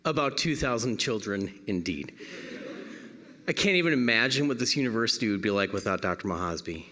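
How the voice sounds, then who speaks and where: A man's voice: lowish voice, lively intonation, fairly quick, fairly bright tone. Man, event host, friendly admiring remarks, long hall reverb. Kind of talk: emcee remarks.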